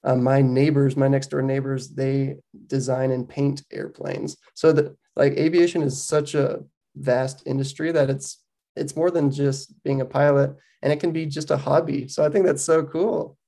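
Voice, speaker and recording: Gravelly, flat-voiced male podcast host. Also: mid-range voice, normal speed. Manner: relaxed, conversational with frequent ums. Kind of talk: casual interview.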